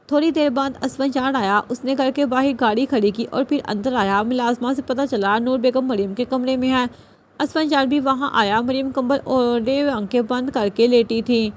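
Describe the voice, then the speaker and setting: A woman narrating a novel aloud in a steady storytelling manner. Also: high-pitched, slight background noise. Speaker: novel reader. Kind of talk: scripted narration.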